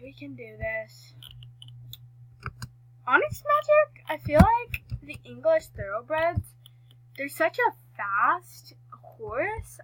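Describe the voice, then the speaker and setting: Woman gaming vlogger, bright slightly high voice, rambly casual commentary, keeps cutting herself off. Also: no room sound, low-quality recording. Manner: rambling, self-correcting, many fillers.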